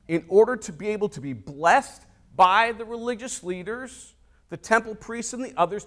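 A man preaching a sermon in a church, in a conversational way, acting out quoted voices with sudden loud outbursts. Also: sits high. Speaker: pastor. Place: church sanctuary.

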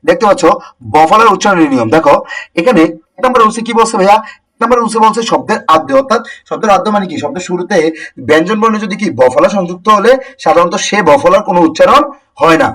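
A man's voice: high voice, fairly bright tone, distant mic, rough recording. A young man teaching an online class, repeating points and quizzing students with rhetorical questions.

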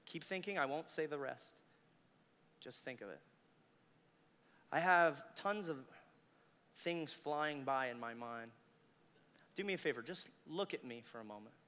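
An intense male mind reader works a live audience with commanding patter. His voice is high and bright, carried over a stage microphone into a hall with long reverb. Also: lively intonation, unhurried, long pauses. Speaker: stage mentalist performing to an audience.

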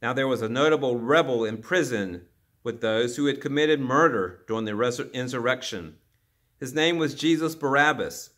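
A man reading scripture aloud at a church service, solemn and dramatic, raising his voice for the crowd's shouts. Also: moderate pace. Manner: dramatic, voicing the crowd's shouts louder and higher.

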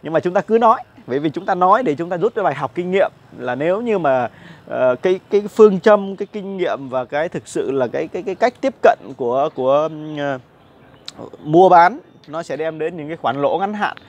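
Chatty Vietnamese market commentator, slightly high. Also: male voice, lively intonation, brisk. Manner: chatty, many fillers and repeated words. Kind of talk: casual investment commentary. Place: outdoor cafe patio with plants. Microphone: lapel mic.

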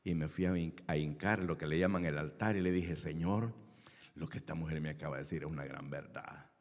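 A man's voice: rumbling low, steady tone, fairly quick, in a large hall. A man preaching a sermon as a pastor, stretching key words for emphasis and telling a personal story. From El Salvador.

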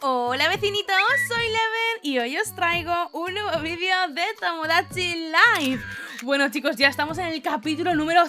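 A young woman giving animated, excited let's-play commentary, often exclaiming and laughing. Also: very high voice, moderate pace. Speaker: gaming YouTuber.

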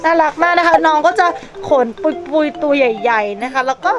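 A woman's voice: high-pitched, animated, moderate pace. A woman presenting a pet shop video in a playful, gushing, cutesy manner, switching between sales talk and baby talk. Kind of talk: bubbly pet showcase vlog with sales talk. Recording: music laid behind the voice. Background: background music.

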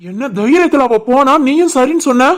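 A woman's voice: sits high, fairly quick, lightly acted. A woman voicing a stern short-tempered husband. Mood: angry. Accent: Tirunelveli Tamil. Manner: scolding, stern. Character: young husband and son, short-tempered man. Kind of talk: animated family drama voicing.

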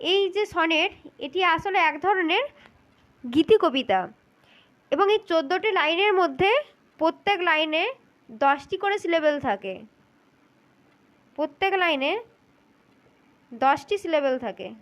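A woman's voice: very high-pitched, lively intonation, measured pace, pauses often, fairly bright tone, dull audio. A woman giving a spoken lesson for teaching-exam interview preparation, methodical and repeating key points as she speaks directly to the listener.

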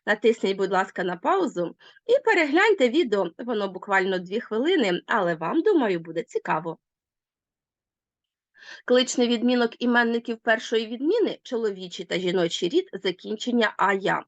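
A woman's voice: medium pitch, big pitch swings, normal speed, no room sound, highs cut off. A woman teacher explaining grammar in a lesson, speaking emphatically.

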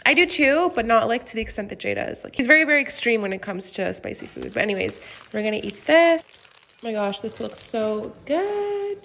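A woman's voice: a little high, animated, moderate pace, fairly bright tone. A young woman chatting casually to her handheld camera in a vlog, bubbly and gushing, full of "like" and "obsessed". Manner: bubbly, gushing, filler-heavy. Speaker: vlogger. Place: car and shops, indoors. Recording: echoey room with faint ambient noise.

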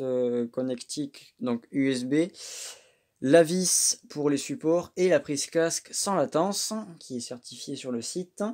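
A man chatting casually and joking at his own expense as he unboxes a microphone, recorded on a phone indoors. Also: a little high. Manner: relaxed, chatty, self-mocking. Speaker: tech unboxing vlogger.

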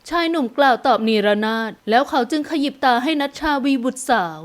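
Audiobook narrator, woman, high voice, smooth, even storytelling. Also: a little fast. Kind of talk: scripted narration.

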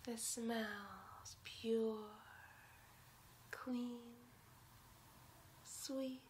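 A woman in a soft, breathy ASMR role-play as a gentle, protective circus clown ringleader, speaking in a soothing, hypnotic way. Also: fairly high pitch, steady tone, a little hiss or hum. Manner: soothing, hypnotic, drawn-out phrases. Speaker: ASMR performer. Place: indoors against a plain wall, close to the camera.

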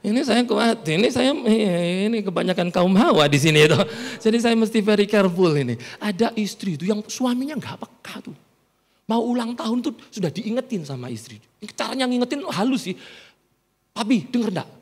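A middle-aged pastor with a high, very lively voice that leaps around as he tells stories. He jokes and teases the congregation, and his words ring through a reverberant church hall. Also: brisk. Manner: storytelling, joking, playful with the congregation. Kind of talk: sermon.

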